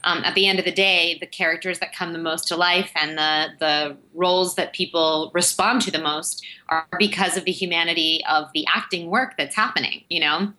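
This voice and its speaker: A woman's voice: lowish voice, steady tone, normal speed, few pauses, pushed and bright. A woman, a guest voice actor, talking earnestly and at length in a podcast interview. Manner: earnest, explains at length with many fillers.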